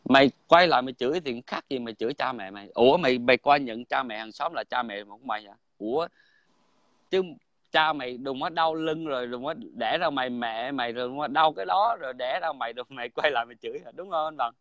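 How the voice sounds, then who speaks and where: A man's voice: medium pitch, quick pace, fairly bright tone, dry recording. Blunt man, dry sound. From Vietnam. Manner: blunt, crude, repeats "right?". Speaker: guest in online livestream chat. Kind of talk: heated casual talk.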